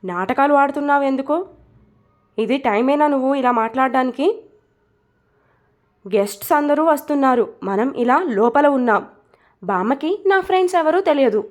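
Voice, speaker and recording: A woman's voice: high voice, lively intonation, moderate pace, long pauses. A woman voicing an impatient young husband who teases and scolds in a snappy way. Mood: scolding.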